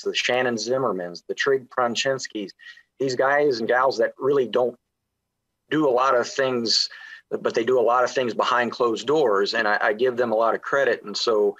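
Brisk middle-aged man, muffled audio. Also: mid-range voice, a bit bright. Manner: brisk, conversational, repeats words. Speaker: state representative on a panel. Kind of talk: panel discussion answer. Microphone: video call.

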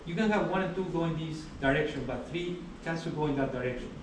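A young man giving a university lecture in a large hall, explaining steadily with many pauses and uh fillers. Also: on the high side. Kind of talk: classroom lecture. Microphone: far camera at the back of the room. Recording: echoey hall recorded from far off, background hiss.

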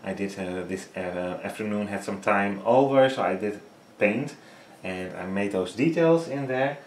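A man hosting a painting tutorial talks in a low, animated voice, his Dutch-accented English halting and packed with fillers as he reaches for words. He grew up speaking Dutch and Frisian. The casual vlog comes from a small, echoey home art studio, with a little hiss or hum in the recording.

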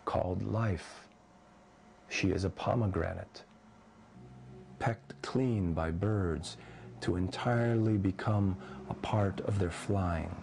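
A man in his fifties, born in Indonesia, slowly reading his poems and talking about his life in a measured, thoughtful way. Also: low voice, vocal fry, a little mellow, a little hiss or hum. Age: 50s. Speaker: poet. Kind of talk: poetry reading and personal account.

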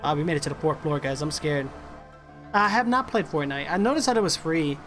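A man's voice: on the high side, expressive, fairly quick, fairly bright tone. A man in his thirties chatting casually on a game live stream, slangy and chummy with his viewers like a gamer bro. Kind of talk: casual live-stream chat while gaming. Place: indoor room at a streaming setup. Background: music.

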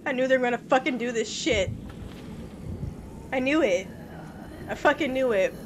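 A woman's voice: high-pitched, animated, normal speed, noisy background. A woman streamer reacting to a game, disbelieving and profane, repeating her lines.

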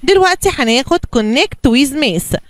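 Egyptian woman teacher, high bright voice, dry close sound, coaxing classroom tone. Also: expressive, measured pace, no room sound. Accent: Egyptian Arabic. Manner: coaxing, asks and answers her own questions. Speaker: kindergarten teacher. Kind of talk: bilingual classroom lesson for young children.

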